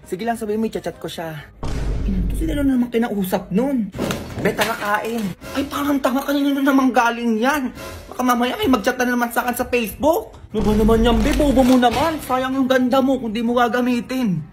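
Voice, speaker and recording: Sketch comic playing all parts. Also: female voice, on the high side, fairly quick, over music. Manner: switches between many characters. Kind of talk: comedic sketch acting.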